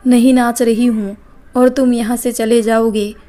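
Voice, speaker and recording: A woman voicing a hot-tempered young bride in a storybook, delivered evenly and flatly. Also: on the high side, unhurried, lightly acted. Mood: angry.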